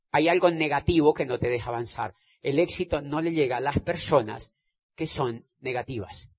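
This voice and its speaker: High-voiced man giving motivational talk. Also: a bit bright. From Colombia. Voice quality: emphatic, repeats phrases, asks "you understand?". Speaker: motivational speaker. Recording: dull lo-fi sound.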